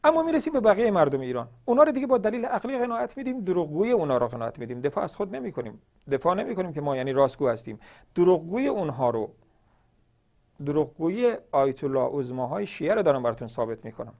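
This northern Iranian host of a religious Q&A program speaks with a fairly high, sing-song voice that has a slightly mellow quality. His televised monologue is polemical and emphatic, packed with rhetorical questions.

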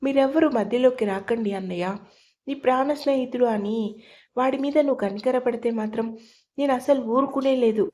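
Here is a heartbroken young heroine from an audio story, hurling sharp, tearful accusations, as a woman narrator reads her lines. The voice sits a little high and sounds soft and mellow. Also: moderate pace, natural voice. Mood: bitter.

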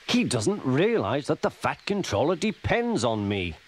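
A man's voice: on the high side, very animated, unhurried, a little hiss or hum, pitched above the performer's own voice. A man voicing a cheerful, impatient little male tank engine in a storybook tale. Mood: cross. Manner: impatient, chirpy. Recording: loud music behind.

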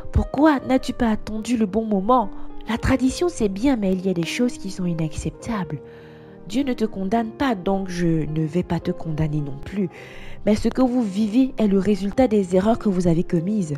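A woman voicing a male church pastor who gravely admonishes a couple, in an animated story. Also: high voice, normal speed, soft background music, natural voice. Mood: solemn. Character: stern but merciful male church pastor.

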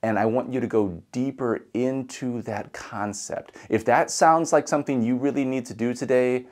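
Standing outside by a brick building, a Nebraska pastor in his forties speaks an online sermon to a close-range camera. His Midwestern-accented, mid-range voice is a little mellow at a moderate pace, and he stays conversational, chuckling and repeating words on restarts. The sound is clean, studio-like, with no room sound.

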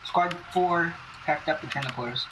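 A man with a fairly high voice plays a firefighter in an online game. He talks casually, with bits of radio role-play, over a noisy voice chat with engine ambience. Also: normal speed. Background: game vehicle noise and ambience.

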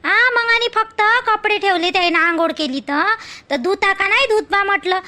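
Woman, very high voice, rural Marathi accent, exasperated wife, village family skit. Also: moderate pace, sharp tone. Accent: Marathi dialect of rural Maharashtra. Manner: complaining, exasperated.

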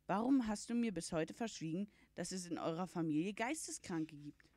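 A woman's voice: on the high side, expressive, normal speed, a little mellow, pitched above the performer's own voice. A woman voicing a strict, reproachful middle-aged mother in a read-aloud storybook.

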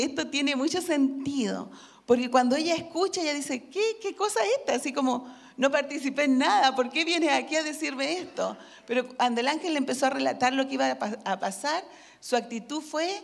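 A woman's voice: on the high side, gravelly. A woman pastor with a Chilean accent preaching a sermon, asking the congregation questions and acting out the voices of the people in the story. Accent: Chilean Spanish.

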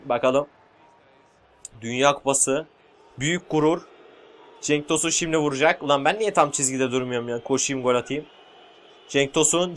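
Casting: excitable male gaming commentator, casual and jokey, faint music behind. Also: a little high. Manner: excitable, shouts at goals, jokey. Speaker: gaming YouTuber.

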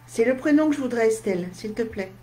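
Tired, slightly husky woman chatting live. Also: a little high, lively intonation, quick pace, warm tone. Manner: chatty, talks straight to viewers in short asides. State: tired, with a slight head cold. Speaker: medium. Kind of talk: casual live stream, answering viewer comments.

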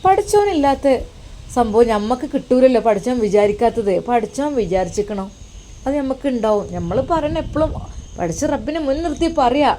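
A woman voicing an elderly devout mother who gives gentle, soothing advice. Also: a little high, very animated, a little fast, slight background noise. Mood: advising.

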